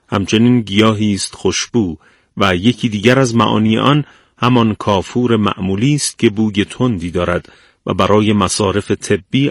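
A man with a low voice reads a scripted explanation at a calm, measured pace, like a radio presenter. The recording is dry and close, with no room sound around him. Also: vocal fry, dry recording.

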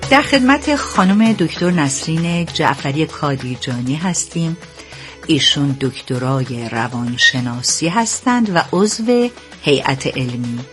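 A woman's voice: low voice, expressive, soft background music. A woman hosting a radio show, presenting in a polite, formal way. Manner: polite and courteous.

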